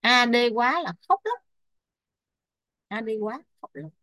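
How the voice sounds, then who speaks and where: Một người phụ nữ đang giảng bài, đọc chậm từng thuật ngữ, đánh vần rồi giải nghĩa như cho học viên chép. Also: female voice, fairly high pitch, big pitch swings, sharp tone, no room sound, studio quality. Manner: spells out Pali terms and glosses them slowly. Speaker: Buddhist Abhidhamma teacher. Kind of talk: slow dictation-style teaching.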